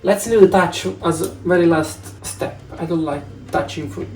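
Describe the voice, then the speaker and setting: A man with an Italian accent, cooking at home and talking in a halting way, with many fillers. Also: on the high side. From Italy. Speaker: home cook on a cooking vlog. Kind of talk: casual chat while cooking. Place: home kitchen. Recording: echoey kitchen with soft music.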